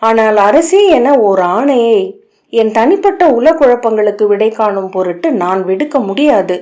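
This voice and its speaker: A woman reading the lines of a proud, calculating queen in an audiobook, in a measured, commanding way. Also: a little high, expressive, mellow. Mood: cool, commanding.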